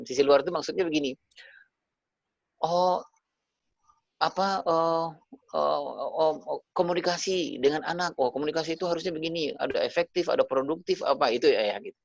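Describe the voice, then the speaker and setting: A man's voice: fairly high pitch, gravelly, dry recording. A man giving a parenting talk to parents over a video call. He speaks to them directly and keeps tagging his points with little fillers. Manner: addresses parents directly, with frequent tag fillers. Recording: dull lo-fi video-call audio.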